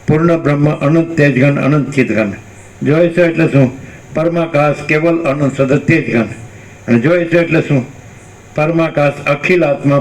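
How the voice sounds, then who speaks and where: A man teaching in a spiritual discourse, with a gravelly, creaky voice at a middle pitch. He talks unhurriedly, circling back over phrases and often stopping to ask his listeners rhetorical questions. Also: poor audio.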